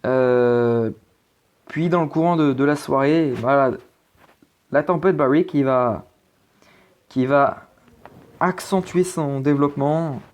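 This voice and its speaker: This amateur forecaster takes his time, speaking slowly with long pauses in a medium-pitched voice. He comments loosely on the weather maps, hesitating and restarting with many fillers.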